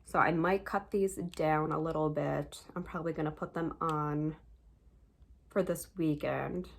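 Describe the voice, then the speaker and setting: A young woman with a low voice and a gravelly fry, reviewing her monthly beauty favorites in a relaxed, chatty way. She keeps recommending things straight to her viewers. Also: a little slow. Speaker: beauty vlogger. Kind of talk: casual product review.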